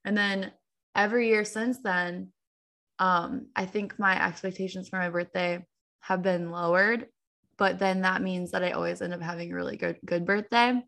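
A woman in her twenties chats casually with a friend, sprinkling in lots of "like" fillers. Her voice is lowish, steady, a bit bright, and her pace is normal.

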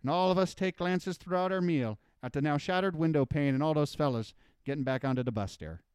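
A man on a podcast reading out a listener's story in a halting, filler-heavy way, full of "uh" and "you know.". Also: on the high side, darkish tone, clean tone, no room sound, clean studio sound. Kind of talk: casual podcast chat, dramatized story reading.

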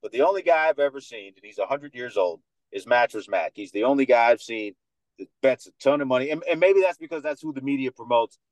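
On a low-quality recording with no echo, a sports radio host in his thirties from New York talks fast in a mid-range voice. He has a Dominican American accent and, as a podcast guest, tells stories with confident energy, voicing the people in them.

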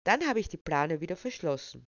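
A clever young woman stays calm and teases with quiet amusement in a storybook, as a woman reader plays her. The voice rests low. The recording is dry and muffled. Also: brisk, no room sound. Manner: provocative, teasing.

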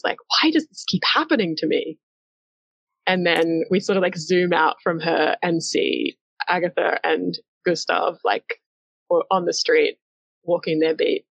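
Brief: woman game master, low gravelly voice, chatty and hesitant, dull lo-fi recording. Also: little pitch movement, unhurried, no echo. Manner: chatty, filler-heavy, hesitant. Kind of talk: narrating a collaborative comic story game. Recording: dull, lo-fi and dry.

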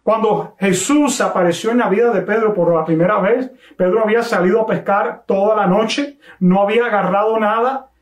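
A man preaching a sermon, telling a story with emphatic, slowly stressed phrases. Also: high-pitched, reverberant. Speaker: pastor.

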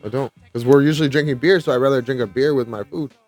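An easygoing man with a mid-range voice banters as a podcast co-host. He jokes about himself and keeps the talk relaxed. Faint music plays behind him. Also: medium pitch, fast talker. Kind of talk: casual chat.

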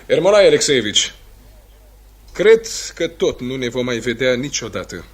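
An actor playing Trofimov, an idealistic eternal student who lectures earnestly, in a radio play. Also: male voice, mid-range voice, big pitch swings, slightly rough.

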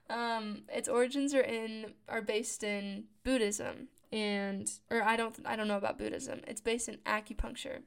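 A woman in her late twenties, a podcast host, talks casually about her routines in a fairly high, creaky voice with a clean tone. Her voice is scratchy from just waking up, and she often corrects herself and laughs during this casual personal talk.

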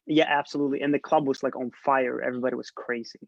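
On a video call, a young Swedish songwriter guest chats casually in an interview, relaxed, laughing often and letting fillers trail off. His medium-pitched voice is fast and creaky, and the recording is dry, dull and lo-fi.

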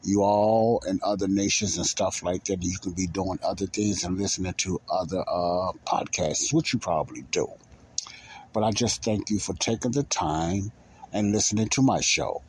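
A man with a deep, rough-edged voice hosts a faith talk podcast. He talks casually and loosely, circling back to repeat his phrases for emphasis. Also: normal speed, a little mellow, rough recording. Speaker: podcast host.

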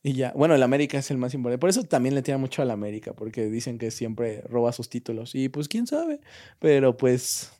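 A man's voice: mid-range voice, lively intonation, brisk, warm tone. A young man with a Mexican accent, chatting casually on a podcast, slangy and full of restarts and fillers. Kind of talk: casual chat.

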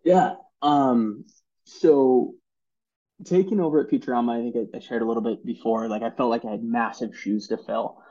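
Earnest man with a mellow voice. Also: medium pitch, fairly even intonation, breathy edge, lo-fi sound. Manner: earnest, halting, many fillers and restarts. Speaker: podcast guest. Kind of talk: casual storytelling interview.

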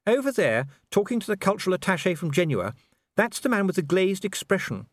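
A well-bred lady who speaks crisply and firmly, her voice raised high and bright, as a man puts her on. She is proper and a little bossy. The sound is dry and close. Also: sing-song, a little fast, no room sound.

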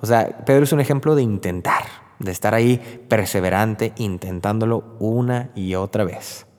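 A man with a Mexican accent giving an informal Bible reflection, telling the story in a lively, conversational way with many fillers. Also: on the low side, moderate pace. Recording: long hall reverb.

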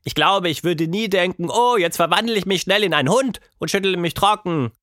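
A man's voice: sits high, a little fast, fairly bright tone, dry recording, clean studio sound, pitched above the performer's own voice. A man voicing a curious, adventurous young girl with an eager, raised voice.

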